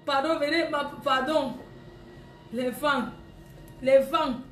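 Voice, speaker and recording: High-voiced woman scolding her live viewers. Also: fairly even intonation, takes it slowly, a bit bright, roomy sound, slight background noise. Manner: scolding, teasing, laughing. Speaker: online clothing seller on live stream. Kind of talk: casual live-stream chat with viewers.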